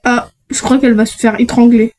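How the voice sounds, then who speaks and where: Young woman, high mellow voice, chatty unboxing vlogger who thinks aloud. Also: flat delivery, brisk, slight background noise, poor audio. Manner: chatty, self-talking, frequent restarts. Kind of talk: casual unboxing chat.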